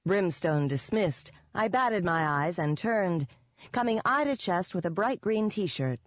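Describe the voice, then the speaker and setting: A woman's voice: fairly low pitch, animated, measured pace, no room sound. A woman narrating a first-person audiobook in a wry, sardonic manner. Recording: dull, dry audiobook recording.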